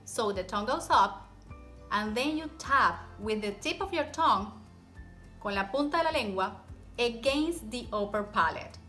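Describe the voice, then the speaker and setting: A woman's voice: a little high, animated, normal speed, sharp tone, faint music behind. A woman teaching pronunciation in an encouraging, step-by-step way, demonstrating rolled and tapped r sounds with repeated example words. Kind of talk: instructional language lesson to camera.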